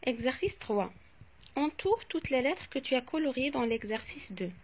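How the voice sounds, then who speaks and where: A woman teacher slowly correcting phonics exercises, saying each word twice and spelling out letters. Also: high voice, expressive, breathy edge. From Morocco. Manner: repeats each word twice, stressing sounds. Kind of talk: slow, clearly articulated classroom dictation.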